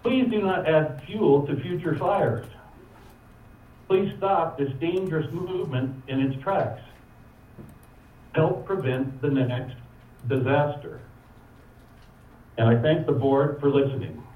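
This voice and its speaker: Male caller, slow and measured, earnest read statement, tinny phone line in an echoey room. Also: fairly high pitch, far from the mic. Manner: measured and earnest, with occasional fillers. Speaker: public comment caller. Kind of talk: read public comment statement. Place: phone call heard in a meeting room.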